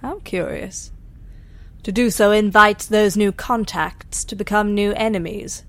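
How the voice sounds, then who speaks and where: A woman plays an alien interrogator in a sci-fi audio drama. She is mid-pitched and measured, with cool condescension and polite menace. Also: steady tone, a bit bright, no room sound, lightly acted. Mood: coolly curious.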